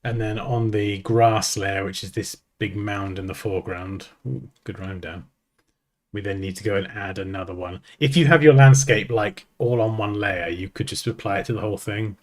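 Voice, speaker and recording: A man walks through a design tutorial. He chats casually, thinks out loud and cracks small jokes at his own expense. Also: on the low side, moderate pace. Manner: chatty, thinks aloud, jokes at himself. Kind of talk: casual screen-recorded software tutorial.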